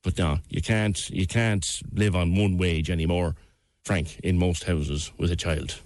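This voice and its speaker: A man's voice: low-pitched, fairly even intonation, unhurried, a little mellow, no room sound, clean studio sound. A middle-aged man with an Irish accent hosting a radio phone-in, chatting and reading out listener messages. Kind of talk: conversational talk radio presenting.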